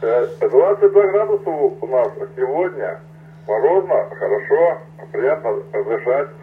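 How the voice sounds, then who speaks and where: A man checking in on a two-way radio net, relaxed and joking with folksy sayings, heard through the radio transmission. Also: mid-range voice, a little slow. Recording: tinny radio line with faint hiss.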